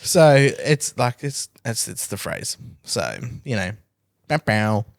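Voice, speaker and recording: A woman co-hosting a podcast in casual chat, hoarse and half-sick, rambling with fillers and deadpan jokes. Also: a bass voice, slow, dry recording, studio quality. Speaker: podcast co-host.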